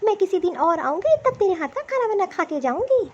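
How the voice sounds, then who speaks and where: A woman's voice: extremely high pitch, big pitch swings, brisk, highs cut off. A woman voicing a chatty, well-meaning middle-aged aunt in a cartoon, giving friendly advice. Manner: advising, friendly. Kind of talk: Hindi cartoon voice acting.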